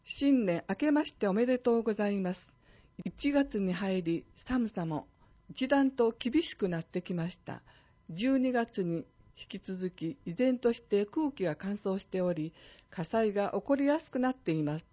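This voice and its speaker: Woman announcer, scripted public notice, mellow tone, slightly muffled recording. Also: mid-range voice, expressive. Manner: clear, measured reading of safety tips. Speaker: fire department announcer.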